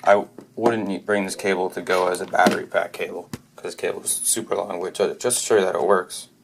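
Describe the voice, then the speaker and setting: A man with a fairly low voice talks through a product review as he goes, unscripted. He often trips over words and restarts phrases. A faint noise sits under his voice. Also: fairly even intonation, vocal fry. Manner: halting, frequent restarts and self-corrections.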